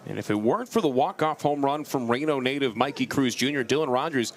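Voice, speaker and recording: A man's voice: medium pitch, animated, fast talker. A man giving live baseball commentary as a play-by-play broadcaster at an outdoor ballpark.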